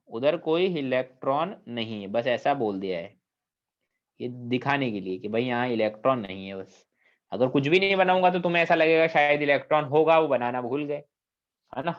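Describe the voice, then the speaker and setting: A man teaching chemistry in a classroom lecture, asking students questions and mixing English terms into his Hindi. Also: a little high. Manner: asks the class questions and checks understanding often; mixes English technical terms into Hindi speech. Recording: dull lo-fi recording.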